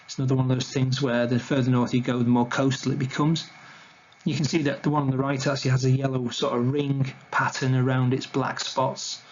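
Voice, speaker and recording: A man's voice: medium pitch, flat delivery, fairly quick, dull audio, a little hiss or hum. Man giving a chatty illustrated nature talk. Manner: conversational, chatty and informal. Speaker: wildlife educator presenting a talk.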